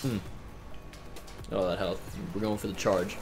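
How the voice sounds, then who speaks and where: Brief: young male gameplay host, a bit low, excitable and sweary, game music faint underneath. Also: a little slow. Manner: excitable, laughs often, swears casually. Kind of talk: casual let's-play commentary.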